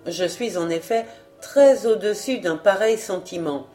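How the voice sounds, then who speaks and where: A woman reader voicing a composed, dignified lady's companion who speaks calmly. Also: mid-range voice, measured pace, faint music behind, lightly acted.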